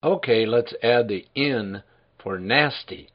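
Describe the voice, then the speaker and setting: A man teaching a drill lesson in a calm, patient, scripted manner, repeating practice phrases for the listener. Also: mid-range voice, slow, dull audio, very noisy. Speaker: instructor. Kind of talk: scripted instructional narration.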